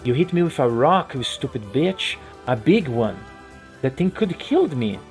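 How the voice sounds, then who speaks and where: A man voicing an angry, spiteful young village bully who shouts and yells. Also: mid-range voice, very animated, normal speed, soft background music. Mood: outraged. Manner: shouting, raised and loud.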